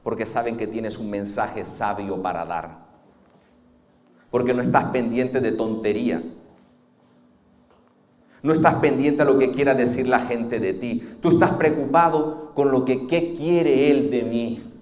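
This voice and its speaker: A pastor giving a Sunday sermon, dramatic, moving between hushed and loud passages. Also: male voice, mid-range voice, unhurried, pauses often.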